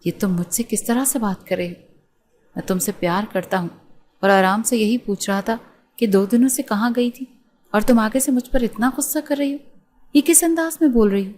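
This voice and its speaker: A woman's voice: mid-range voice, steady tone, a little mellow, lightly acted. A lovesick young gangster man in an audio story, pleading and insistent, read by a woman narrator in nearly her own voice. The tone is earnest and pressing. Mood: indignant.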